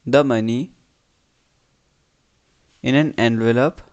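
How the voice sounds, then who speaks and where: A man giving an English dictation as a teacher, reading deliberately phrase by phrase and repeating phrases. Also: mid-range voice, steady tone, a little mellow, highs cut off.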